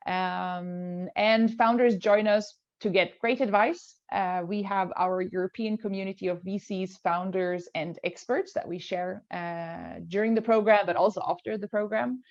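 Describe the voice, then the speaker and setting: A woman's voice: mid-range voice, steady tone, a little slow, few pauses, highs cut off. A woman hosting a webinar over a video call, with many fillers and restarts as she explains the schedule. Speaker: event host.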